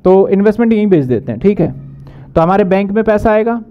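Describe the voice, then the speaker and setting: A man teaching accounting in a brisk lecture, asking questions and answering them himself. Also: sits high, animated, clean tone, highs cut off. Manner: brisk, asks and answers his own questions. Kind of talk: whiteboard lecture.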